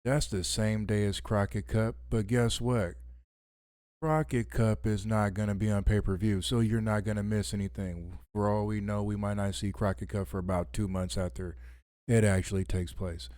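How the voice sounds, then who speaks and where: A man's voice: lowish voice, fairly even intonation, normal speed, a little mellow, clean tone, no room sound, studio quality. A man hosting a late-night wrestling podcast from home, speaking in a radio-host style with casual fillers. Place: home at midnight.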